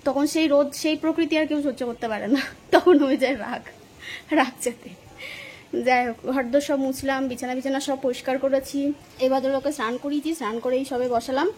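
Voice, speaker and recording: Brief: woman vlogger, high voice, chatty homey storyteller, faint room hum. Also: steady tone, brisk, darkish tone. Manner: chatty, storytelling, laughing often. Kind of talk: casual chat to viewers while cooking. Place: home kitchen.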